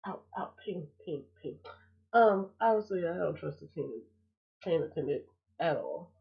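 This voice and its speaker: A woman's voice: sits low, lively intonation, measured pace, gravelly, husky. Stuffy-nosed woman on a tinny line. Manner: blunt, chatty and fired up. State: stuffed up from a cold. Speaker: reaction streamer. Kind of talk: casual reaction chat. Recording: tinny phone-like lo-fi sound.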